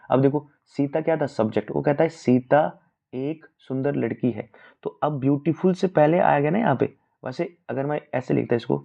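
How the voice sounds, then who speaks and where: A man's voice: mid-range voice, gravelly. A man teaching an exam-prep grammar lesson. He keeps asking his listeners questions and then answers them himself. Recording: dull lo-fi recording.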